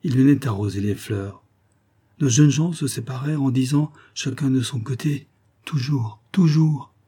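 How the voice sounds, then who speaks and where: A man reading a French novel aloud as an audiobook, in a slow, gentle narration. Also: medium pitch, breathy edge. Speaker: audiobook reader. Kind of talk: scripted narration.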